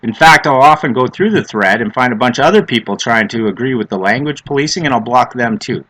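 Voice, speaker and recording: A middle-aged man with a smoker's rasp giving an opinionated, off-the-cuff monologue, blunt and emphatic, repeating phrases to drive them home. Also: mid-range voice, expressive, quick pace, fairly bright tone, poor audio. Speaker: vlogger on adoptee issues.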